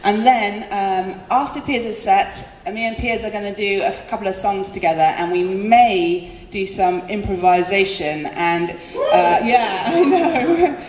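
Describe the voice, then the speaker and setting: Speaking at a measured pace in a mid-range voice, another woman delivers live spoken word full of self-deprecating chatter and laughs between lines. The concert venue sounds echoey, with a faint hum of the room.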